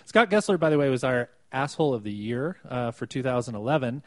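A man hosting a casual news podcast, talking in a halting way with many fillers. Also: medium pitch, expressive, no room sound. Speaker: podcast host.

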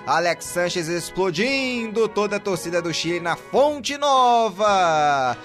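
A man with a Brazilian accent giving explosive football goal commentary, excited and exclamatory, shouting and drawing out his words. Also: sits high, slow pace, soft background music.

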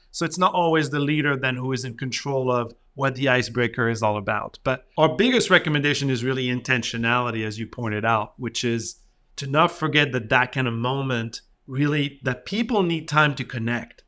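A man's voice: mid-range voice, bright, forceful tone. A man speaking as an interviewed author, conversational and explanatory, putting emphasis on his key points.

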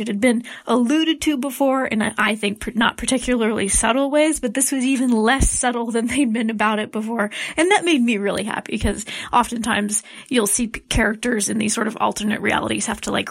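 Woman, podcast host, casual solo commentary, slightly high pitch, dry closet recording, cell phone mic. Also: dry recording. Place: hotel room closet, close dry sound.

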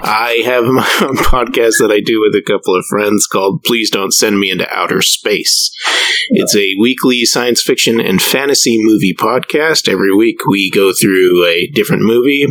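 Low, monotone, robotic-sounding man. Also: normal speed, low-quality recording. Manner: flat, deadpan delivery. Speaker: podcast guest. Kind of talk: casual podcast chat.

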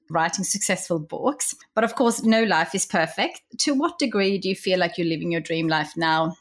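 A woman hosting a podcast, asking enthusiastic, friendly questions. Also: lowish voice. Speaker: podcast host. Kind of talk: podcast interview.

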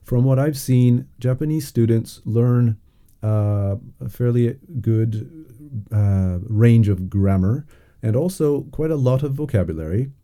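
A male interviewer asking measured questions, with frequent small hesitations and soft murmurs of agreement. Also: medium pitch. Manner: measured, frequent um fillers and back-channel murmurs.

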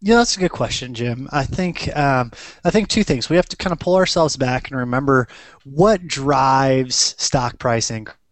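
A man with a mid-pitched voice and a very dry sound gives podcast commentary. He explains conversationally, reasoning things through like an advisor. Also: expressive, normal speed, dry recording.

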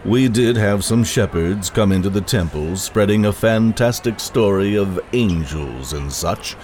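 A man's voice: on the low side, expressive, unhurried, darkish tone, slight background noise. A man playing a pompous old scribe. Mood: condescending. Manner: condescending, pompous.

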